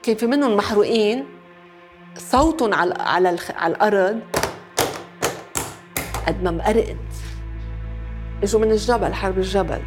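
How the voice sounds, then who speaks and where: A woman's voice: medium pitch, fairly quick, long pauses, over music. A Lebanese-accented woman giving personal testimony in a conversational way, dropping French phrases into her speech. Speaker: interviewee recalling war experience.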